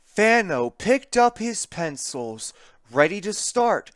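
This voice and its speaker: A narrator reads a children's picture book aloud with expressive, theatrical flair, deliberately stressing the rhymes. The medium-pitched voice is clear and resonant, recorded in a clean studio with no echo.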